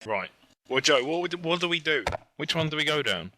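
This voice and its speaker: A man's voice: on the high side, big pitch swings, background noise. A man from Britain playing a tabletop game, bantering and joking with the others. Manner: bantering, quick jokes. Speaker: player. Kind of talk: casual tabletop game play.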